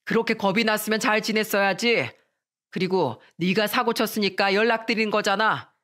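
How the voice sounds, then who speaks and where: A woman's voice: mid-range voice, moderate pace, a bit bright, natural voice. A woman voicing a stern schoolteacher who scolds two fighting pupils in a commanding tone. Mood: scolding.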